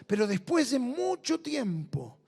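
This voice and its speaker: A man with a high, bright-pitched voice and an Argentine Rioplatense accent, preaching at a church meeting. He preaches through personal stories, dropping to soft, confiding asides and then rising into loud bursts. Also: unhurried, creaky, husky, soft background music. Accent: Argentine Rioplatense Spanish. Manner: animated storyteller, swings between soft intimate asides and loud bursts. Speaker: pastor. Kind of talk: storytelling sermon. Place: church meeting with live audience.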